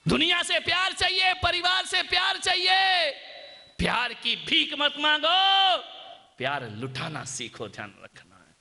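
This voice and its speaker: A man preaching a sermon as a Jain monk. He moves from soft, low asides to loud, high shouted peaks, and he acts out voices in his stories. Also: sing-song, measured pace.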